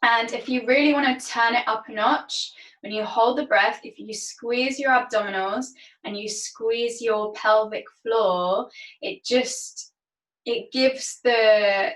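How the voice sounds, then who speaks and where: A woman leading a yoga and breathwork class, giving calm step-by-step cues and counting breath holds aloud. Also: fairly high pitch, slow pace. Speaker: yoga instructor. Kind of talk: guided yoga and breathwork instruction. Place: yoga studio. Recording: roomy, distant mic.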